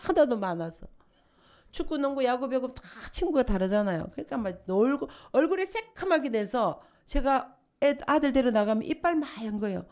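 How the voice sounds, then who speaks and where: An older woman preaching in a church, her voice sitting a little high for a woman. She tells her stories with jokes and lively timing, then rises into fervent prayer. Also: moderate pace. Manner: humorous, lively storytelling with sudden emotional swells. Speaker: pastor's wife preaching. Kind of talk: sermon. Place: church sanctuary.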